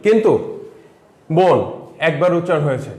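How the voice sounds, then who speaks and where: A man's voice: sits high, normal speed. A male college teacher giving a recorded lesson, explaining step by step and asking questions that he then answers himself while writing on a board. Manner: writes on a board while talking. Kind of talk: online lesson on Bengali pronunciation. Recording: echoey room.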